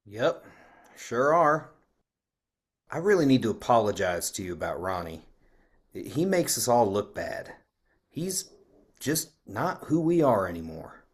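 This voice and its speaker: A man's voice: lowish voice, sing-song, unhurried, long pauses, breathy edge, full character voice. A man reading the part of a polite, sly small-town sheriff with a friendly drawl. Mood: folksy.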